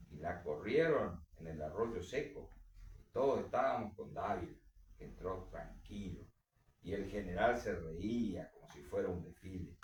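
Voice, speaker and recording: Low-voiced guy reading a story, big swings, echoey room, mic far away. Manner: dramatic reading with strong swings in pitch and volume. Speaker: reader. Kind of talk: literary reading. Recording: roomy echo, distant mic.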